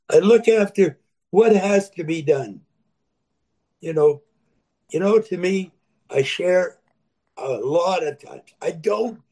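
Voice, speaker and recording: A man in his eighties sharing his recovery story, speaking plainly and earnestly, repeating himself for emphasis. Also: sits high. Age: 80s. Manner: plain-spoken, swings between loud and soft. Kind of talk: personal testimony.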